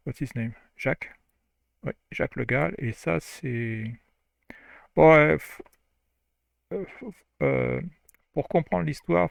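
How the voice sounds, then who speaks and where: A man tutoring French reading, going slowly, repeating phrases and stopping to explain grammar. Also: medium pitch, creaky, dry recording. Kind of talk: slow read-along language lesson.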